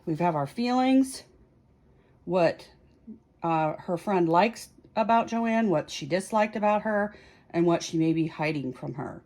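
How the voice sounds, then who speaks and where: Her voice is fairly low, expressive and a little mellow, and she never hurries. As a tarot reader hosting a video, she explains things in a relaxed chat to camera, thinking aloud in a conversational, gently self-deprecating manner.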